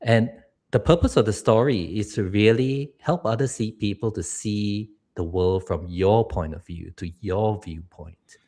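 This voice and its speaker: Here a middle-aged Singaporean public speaking coach talks at a measured pace in a fairly low, mellow voice. His live-stream advice is earnest, and he laughs from time to time.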